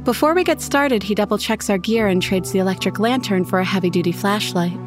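A woman reading a first-person horror story in an intimate, expressive way. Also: medium pitch, brisk, music in the background. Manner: intimate, expressive, voices her own character's lines. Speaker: narrator.

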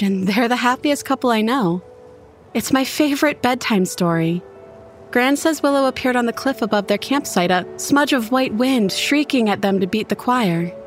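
A woman reading a first-person horror story in an intimate, expressive way. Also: fairly high pitch. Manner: intimate, expressive, voices her own character's lines. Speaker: narrator.

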